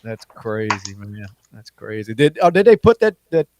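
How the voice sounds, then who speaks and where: A man's voice: lowish voice, very animated, moderate pace, a little mellow, dry recording. Rambling man hosting. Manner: rambling, full of "you know" fillers. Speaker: podcast host. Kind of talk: casual chat.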